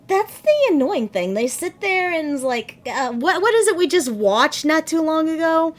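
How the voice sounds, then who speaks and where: A woman co-hosting a casual reaction stream, giving blunt, animated opinions. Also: sits high, normal speed. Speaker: vtuber co-host reacting to news.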